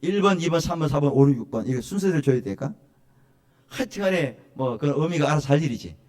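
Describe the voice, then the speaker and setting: A man preaching from a church pulpit in a fairly high voice. He swings from quiet explanation into fervent, shouted pleading, acting out the congregation's prayers as he goes. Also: animated, fast talker. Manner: shouting, impassioned preaching with rising pitch; voices prayers and pleas as quoted speech. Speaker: pastor. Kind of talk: sermon. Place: church sanctuary.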